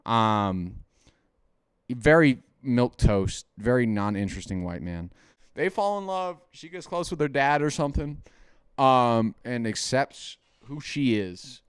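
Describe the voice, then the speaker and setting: A man's voice: medium pitch, expressive, unhurried, smooth, dry recording, studio quality. A man who is getting drunker as he gives casual, joking film reviews, rambling and stumbling over his words. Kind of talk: casual comic film tier-list commentary.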